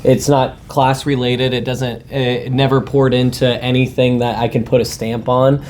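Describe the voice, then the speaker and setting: A man's voice: mid-range voice, level tone, moderate pace, a little mellow, a little hiss or hum. A young man in his twenties, a recent graduate being interviewed, talking in an easygoing, rambling way with frequent laughs. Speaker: guest alumnus. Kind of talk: casual interview chat.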